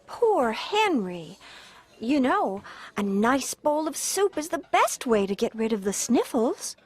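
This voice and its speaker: A woman's voice: sits high, very animated, slow, breathy edge, exaggerated voice. An actress voicing a kind, motherly female butterfly who runs a diner, with a sing-song, caring manner. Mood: sweet. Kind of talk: cartoon voice acting.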